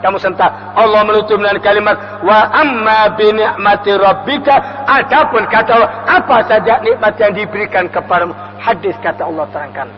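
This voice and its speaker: A man preaching a mosque lecture with an East Javanese accent. He recites Arabic verses and then explains them in a homely, joking way. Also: sits high. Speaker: Islamic preacher. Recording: reverberant hall, dull sound, faint mains hum.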